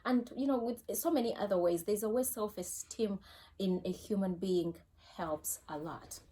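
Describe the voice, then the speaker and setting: A woman's voice: medium pitch, moderate pace, mellow. Earnest Ugandan mother giving advice. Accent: Ugandan English. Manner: earnest, cautioning, repeats herself. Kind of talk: casual advice talk.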